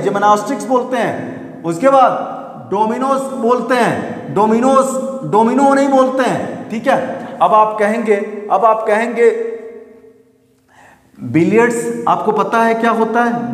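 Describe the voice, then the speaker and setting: A man teaching an English grammar lesson, spelling words letter by letter and quizzing his students with a fatherly tone. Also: extremely high pitch. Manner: calls listeners "beta" in a fatherly way. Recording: echoey room reverb.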